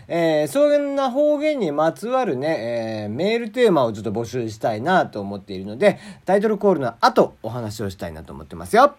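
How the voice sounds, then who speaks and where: Rambling man with lively pitch. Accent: slight Hakata dialect traces. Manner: rambling, many drawn-out fillers, chuckles at himself. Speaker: podcast host. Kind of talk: casual solo talk show.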